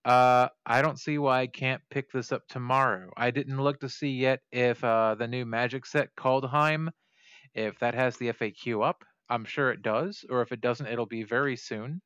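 His mid-range voice is a bit bright and clean, with fairly even intonation at normal speed, as he streams a game and chats casually to viewers. He swears, thinks out loud and fixes himself mid-sentence in this let's play commentary. The recording is dry, with the highs cut off.

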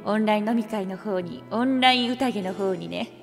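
A woman's voice: mid-range voice, normal speed, gravelly. A woman hosting a karaoke livestream and chatting casually, using an archaic regal way of talking and playfully greeting viewers one by one. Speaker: virtual streamer hosting a karaoke stream. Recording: reverb-heavy with music playing behind.

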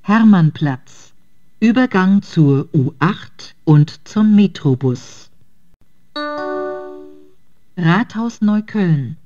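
A woman's station calls come over a train intercom, each one slow and deliberate. Her voice sits fairly low. The sound is dull and lo-fi, with piano music clearly behind it. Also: expressive. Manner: measured, clipped station calls. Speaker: train announcer. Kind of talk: recorded station announcements.

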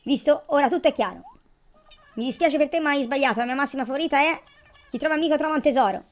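A woman's voice: sits high, fast, pitched above the performer's own voice, lightly acted. A woman reading aloud the lines of an indignant female rabbit villager from a cartoon life game.

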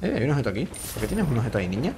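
A man's voice: medium pitch, very animated, racing, a little mellow, a little hiss or hum. A man doing casual, joking gameplay commentary, swearing freely and talking to the characters on screen. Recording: game music playing behind.

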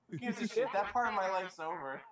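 A young man gaming with friends, quiet and sarcastic when pressed. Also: high voice. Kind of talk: casual gaming banter.

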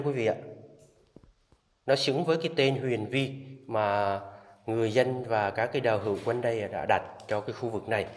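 A medium-pitched travel vlogger leads viewers on a casual, enthusiastic tour of a limestone cave, often talking straight to them. The recording echoes with the cave's long reverb.

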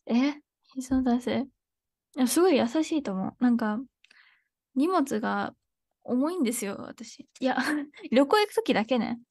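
A woman's voice: high-pitched, animated, moderate pace, long pauses, a little mellow, dry recording, clean studio sound. A young woman teaching Japanese in a casual live online lesson, chatty and thinking aloud, with frequent laughs.

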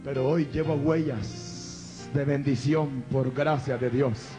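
A man's voice: medium pitch, steady tone, slow, music in the background. A man from El Salvador with a Salvadoran Spanish accent, a former gang member giving an impassioned testimony from a church pulpit. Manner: impassioned, fervent preaching, bursts into shouting, speaks in tongues.

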